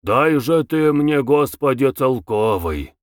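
A man voicing a gloomy village deacon who recites his verse in a measured way. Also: mid-range voice, very animated, no room sound, clean studio sound. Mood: recitative.

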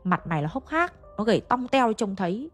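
A woman's voice: mid-range voice, sing-song, fairly quick, soft background music. A woman narrating a ghost story in a chatty way, speaking straight to her listeners. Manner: chatty, addresses listeners directly.

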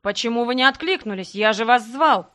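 Woman reading a scheming nobleman, middle-aged, loud, accusing, falsely friendly, audiobook. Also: on the high side, lively intonation, moderate pace. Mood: insistent. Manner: loud, accusing, fake-cordial.

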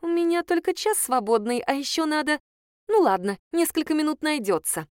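Woman putting on a shrill, flustered office accountant. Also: animated, normal speed, dry recording, clean studio sound. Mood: curious. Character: plump nosy female office accountant, excitable.

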